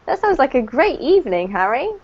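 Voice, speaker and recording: With a high, sing-song voice, a woman speaks fairly quickly in a slightly mellow way. Originally from the UK and now in New Zealand, she chats through a casual online English class, laughing a lot, staying friendly and talking over her students. The audio's highs are cut off.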